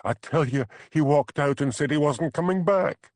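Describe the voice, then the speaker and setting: A man voicing a defiant young Scottish village wife who snaps and jeers, in a high put-on voice. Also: normal speed, darkish tone, dry recording, close to an everyday voice. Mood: angry. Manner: defiant, snarling, jeering.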